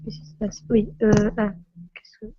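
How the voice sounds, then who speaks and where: A flustered French woman hosts a casual live stream, laughing often while struggling with technical trouble. Her mid-range voice has little pitch movement and a normal pace, recorded on a phone with lo-fi sound and a little hiss or hum.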